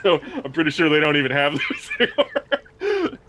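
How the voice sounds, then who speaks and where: A man narrates a tabletop game as game master, casual and halting. His voice is bright and forward, with a lively swing in pitch. He sounds loose and conversational. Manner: casual, halting, prone to laughing.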